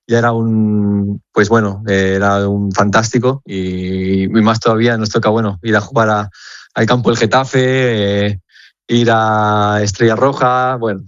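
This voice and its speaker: A young man from Spain, a footballer, answering questions earnestly over the phone, halting and repeating words as he searches. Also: fairly low pitch, fairly even intonation, no room sound, lo-fi sound. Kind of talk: phone interview.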